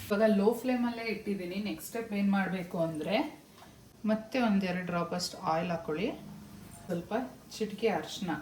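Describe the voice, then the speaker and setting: This Kannada-accented home cook speaks fairly quickly in a mid-range, slightly mellow voice as she lays out practical cooking steps plainly. The kitchen recording echoes and picks up cooking sounds.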